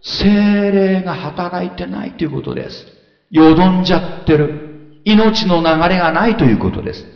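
Male pastor, animated sermon delivery, fairly high voice, roomy lo-fi hall recording. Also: moderate pace, gravelly. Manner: animated storytelling preacher, mimics muttering crowds. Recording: echoey hall, dull lo-fi sound.

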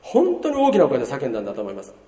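A man's voice: medium pitch, very fast. Male pastor, sermon, bursts of emphasis, heard from afar in a reverberant church hall. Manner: lively preaching, swinging between loud emphasis and hushed asides. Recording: roomy hall reverb from far off.

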